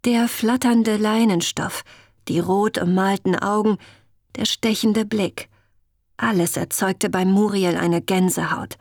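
A woman narrating a fantasy audiobook in a calm, even storytelling manner. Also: medium pitch, slow, no room sound, studio quality.

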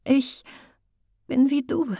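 A woman's voice: high-pitched, steady tone, slow, vocal fry, dark tone, no echo, studio quality, voice pushed up, full character voice. A woman voicing a tender, anxious young druid woman in an audiobook, whispering breathily and rising to pleas. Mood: anxious confession.

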